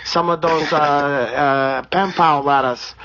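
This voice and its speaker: Higher-voiced Brazilian man hosting, halting speech. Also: steady tone, a bit bright, a little hiss or hum. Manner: halting, repetitive, broken English, swearing. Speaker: comic show host. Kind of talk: crude comic interview banter. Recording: dry, dull lo-fi radio sound.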